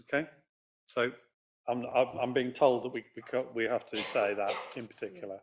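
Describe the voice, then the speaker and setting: A man serving as mayor, chairing a council meeting in a brisk, procedural way with a mildly wry touch. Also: mid-range voice, a little hiss or hum.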